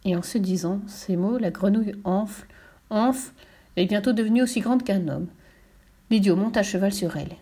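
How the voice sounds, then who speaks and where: Lively woman reading a fairy tale. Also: mid-range voice, moderate pace, breathy edge. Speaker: storyteller. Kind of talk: fairy-tale read-aloud.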